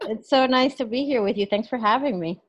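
On a lo-fi recording, a woman speaks fairly quickly in a voice on the high side. She's a clinical psychologist and life coach from New York, USA, a thoughtful, casual interview guest who uses lots of fillers and restarts.

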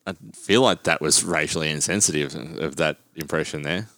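A man's voice: a bass voice, fairly quick, pushed and bright, no echo. A man in his thirties hosting a casual podcast, chatty and rambling with many ums. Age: 30s. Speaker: podcast host.

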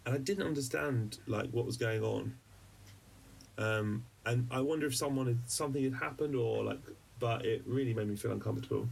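A man's voice: medium pitch, a little fast, vocal fry, darkish tone, far from the mic, a little hiss or hum. A man co-hosting a podcast, telling a personal story in a rambling, hesitant way with many restarts. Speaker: podcast co-host; journalist. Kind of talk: casual conversational storytelling.

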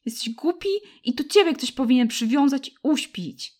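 A woman voicing a small, scrappy red-haired girl in an audiobook, high and excitable. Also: normal speed. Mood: angry. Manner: high, excitable and tearful when upset. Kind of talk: audiobook character voice.

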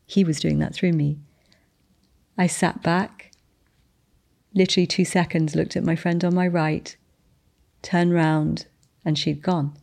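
A woman earnestly telling a testimony of a spiritual encounter, with restarts and slowed, emphatic phrases. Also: on the low side, fairly even intonation, creaky, darkish tone. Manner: descendant of the Boleyn family telling a spiritual encounter. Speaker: guest sharing a testimony. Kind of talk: storytelling testimony.

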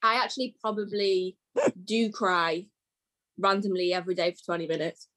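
A woman chatting on a podcast, animated and laughing often. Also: lowish voice, normal speed. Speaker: podcast co-host. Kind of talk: casual chat.

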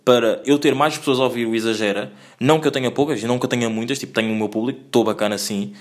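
Fast-talking Portuguese man rambling. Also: mid-range voice. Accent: European Portuguese. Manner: rambling, slangy, full of fillers and restarts. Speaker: podcast host. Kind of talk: casual solo podcast monologue.

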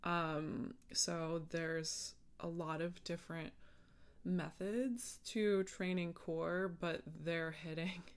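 A woman speaking slowly in a clean, fairly low, steady voice rambles through a casual solo podcast. She interrupts herself often and relies on lots of filler words.

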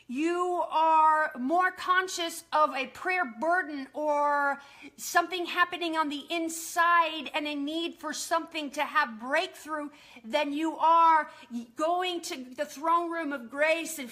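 A woman preaching in a live-streamed sermon, her voice high and ringing bright. She talks fast and earnestly, working scripture into her teaching.

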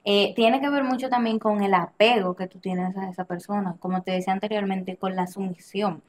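A woman guest on a podcast, telling a personal story in casual conversation, animated and acting out the dialogue she quotes. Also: medium pitch, a little fast. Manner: animated, acts out quoted dialogue, frequent restarts and laughs.

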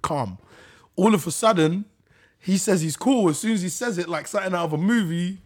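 Young London male, husky and high, very lively, slangy podcast storyteller who swears freely. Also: brisk. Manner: heavy slang and swearing, animated joking. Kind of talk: casual banter and storytelling.

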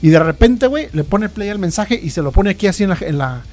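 A young man with a Mexican accent telling a story in casual chat, animated and full of swearing. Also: high-pitched, fast, music in the background. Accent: Mexican Spanish.

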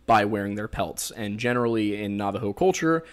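A man with a Pennsylvania accent talks casually on a podcast, his voice sitting a little low. He rambles through his explanations, tossing in jokes and plenty of filler words. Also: lively intonation, brisk, clear, resonant tone. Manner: rambling, joking, explaining folklore with many fillers. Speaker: podcast host.

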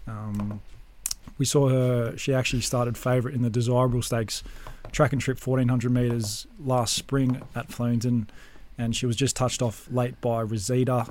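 A man's voice: medium pitch, level tone, moderate pace, a little mellow, a little hiss or hum. An Australian man previewing horse races as a tipster, with confident, punchy hype in how he talks. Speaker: racing tipster, podcast host. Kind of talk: horse racing preview chat.

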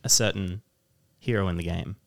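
A man's voice: deep voice, fairly even intonation, moderate pace. A man co-hosting a podcast, rambling in casual chat, self-mocking and laughing a lot. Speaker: podcast co-host.

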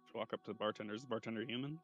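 A man's voice: on the low side, fairly even intonation, rapid-fire, no echo, lo-fi sound, soft background music. A man playing a tabletop game, who rambles, hesitates and swears casually. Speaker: player.

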